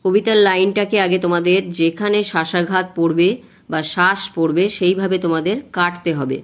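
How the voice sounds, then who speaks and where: A woman tutor, teaching verse metre step by step, slowly chanting poem lines and counting syllables aloud. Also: lowish voice. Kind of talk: exam-prep lesson on verse metre.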